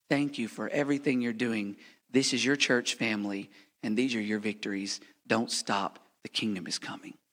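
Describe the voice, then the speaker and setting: An American missionary pastor preaches a heartfelt sermon with a prayer in a church sanctuary, his lowish voice bright and forceful. Passionate and preacherly, he swings from ringing appeals to near-whispers, with a long reverb echoing through the hall.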